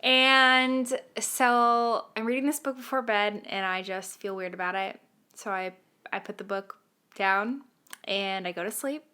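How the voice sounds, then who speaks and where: A woman co-hosting a casual podcast tells her story with a clear, bright tone. She laughs a lot and sinks into a near whisper when things get tense. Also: medium pitch, unhurried. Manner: animated, laughs often, drops to a hush for tense moments. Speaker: podcast co-host.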